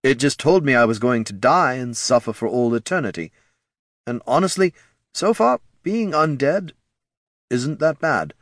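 A man's voice: mid-range voice, big pitch swings, moderate pace, fairly bright tone, no room sound, clean studio sound, voice pushed up. Guy doing a laid-back undead recruit, shrugs it all off. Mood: nervous. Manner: offhand, matter-of-fact.

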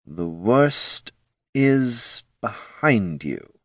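Homem fazendo um lich esquelético, lento e solene. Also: male voice, mid-range voice, sing-song, fairly bright tone, dry recording, clean studio sound, pitched above the performer's own voice, exaggerated voice. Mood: musing. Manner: slow, drawn-out, ominous. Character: slow grand skeletal male lich lord.

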